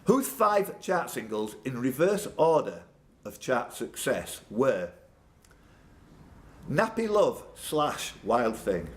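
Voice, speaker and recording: A man hosts a live pub quiz indoors, reading questions aloud and then bantering jokily and off the cuff with contestants. His medium-pitched voice has big pitch swings and he takes it slowly, with pub-room background noise.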